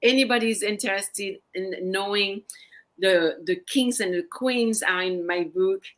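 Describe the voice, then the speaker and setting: A woman guest in a casual interview, speaking earnestly and gently. Her voice is bright and forward, and she repeats key phrases for emphasis. Her pitch is in a middle range. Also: a little slow. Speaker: guest psychologist.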